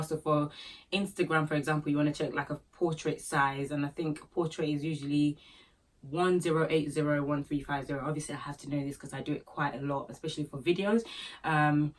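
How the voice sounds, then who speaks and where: Recorded from a distance, a low-pitched Nigerian woman with a Yoruba accent vlogs about running a small business. She keeps it chatty, with jokes and fillers threaded through her tips.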